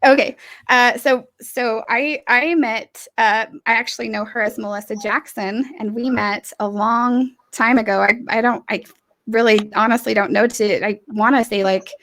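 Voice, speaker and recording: A woman's voice: fairly high pitch, steady tone, normal speed. Casting note: woman podcast host, chatty and effusive, repeats and restarts a lot, earbud mic on a video call. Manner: warm-hearted, rambling, lots of restarts and fillers. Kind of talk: casual interview chat. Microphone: earbud headset on a video call.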